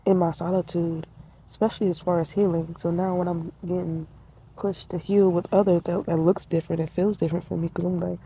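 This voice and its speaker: A woman's voice: fairly low pitch, level tone, brisk, dark tone, slight background noise, rough recording. A woman in her twenties sitting outdoors in a tree, talking in a casual, reflective way, slangy and spiritual, with laughter. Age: 20s. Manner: laid-back, spiritual, slangy, laughs often. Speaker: vlogger.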